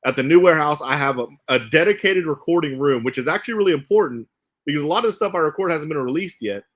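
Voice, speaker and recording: With a quick pace, lively intonation, and a high, slightly bright voice, a man hosts a casual stream for his RC car channel. He rambles to viewers from a cluttered warehouse, restating his phrases again and again.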